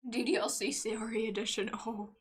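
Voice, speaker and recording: A young woman streaming a game live, chatting playfully as she plays, with sudden loud outbursts and giggles. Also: on the high side, little pitch movement, normal speed, breathy edge.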